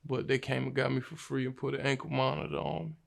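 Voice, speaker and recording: A man's voice: mid-range voice, level tone, fast talker, vocal fry. A young man from Virginia, a rapper, telling his life story in a casual, slangy interview. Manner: laid-back, slangy storytelling.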